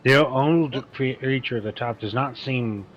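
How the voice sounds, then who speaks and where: A man's voice: mid-range voice, a little slow, highs cut off. A man running a tabletop game as game master, narrating combat casually over an online voice call and swearing freely. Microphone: online voice call mic.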